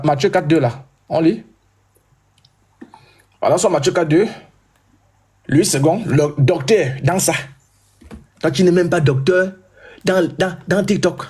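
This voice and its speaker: A man hosting a heated live debate, talking loudly and insistently and repeating himself. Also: high voice, breathy edge.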